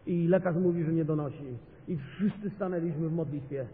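A man preaching a sermon as a guest pastor, speaking with passion and building to loud, emphatic peaks. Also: fairly high pitch, a little fast. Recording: tinny phone-like sound in a reverberant hall.

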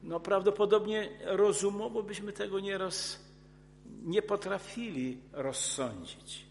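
A man preaching with a fairly high voice, earnest and emphatic, often stumbling and restarting before swelling into forceful peaks. The sound carries a long reverb, as if in a church hall. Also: a little slow, vocal fry, a little hiss or hum. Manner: earnest, emphatic, with frequent restarts and rising outbursts. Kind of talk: sermon.

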